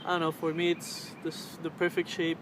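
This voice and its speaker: A man in his twenties chatting casually to camera in a hesitant, halting way, searching for his words. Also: a little high, monotone. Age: 20s. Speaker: vlogger. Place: outdoors on a riverbank under a road bridge. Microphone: camera's built-in mic at arm's length. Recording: clear outdoor traffic and ambient noise.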